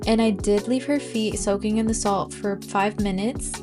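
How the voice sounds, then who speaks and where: A woman's voice: mid-range voice, steady tone, normal speed. A woman of about twenty, talking informally and chattily to viewers in a casual tutorial vlog style. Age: 19, about to turn twenty. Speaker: nail tech video host. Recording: music behind the voice. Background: background music.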